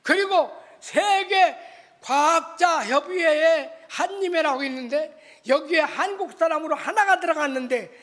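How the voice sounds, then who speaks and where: Male pastor, sermon, very high pitch, big echo of a church sanctuary. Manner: impassioned storytelling, swings from shouting to hushed. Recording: reverberant church hall.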